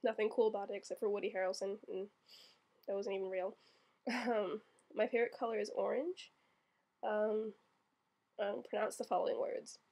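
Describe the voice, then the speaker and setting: A woman's voice: medium pitch, fairly even intonation, normal speed, creaky, pauses often, mellow. A woman in her twenties from Florida, chatting casually in a vlog, with lots of ums as she reads out a word list. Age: 20s. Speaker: vlogger. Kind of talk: casual accent-tag vlog.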